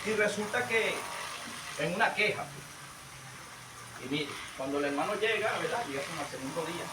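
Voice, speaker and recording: A man preaching a sermon and telling a testimony, swinging between loud emphatic bursts and low hushed storytelling. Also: lively intonation, moderate pace. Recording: echoey room, distant mic, noisy.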